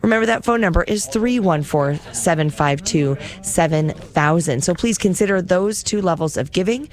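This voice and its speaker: A woman hosts a radio pledge drive, chatting upbeat as she lists the gifts and keeps repeating the phone number. Her voice sits on the low side and moves at a normal speed.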